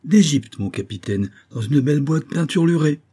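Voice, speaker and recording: A man's voice: on the high side, expressive, moderate pace, warm tone, slightly rough, pitched above the performer's own voice. A man reading an audiobook, voicing a cheeky, loyal soldier orderly who talks in a jovial, confident way.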